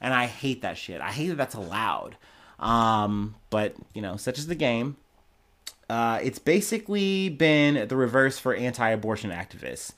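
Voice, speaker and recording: A man's voice: medium pitch, animated, measured pace, a bit bright. A young man hosting a solo news podcast, reading quotes aloud and then riffing on them in a loose, profane, chatty way. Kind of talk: casual solo news commentary.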